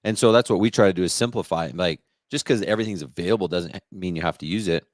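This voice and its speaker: A man's voice: sits low, fast talker, no room sound, studio quality. A middle-aged man with a confident, explanatory manner, talking about his business in a casual interview. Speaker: lighting business coach.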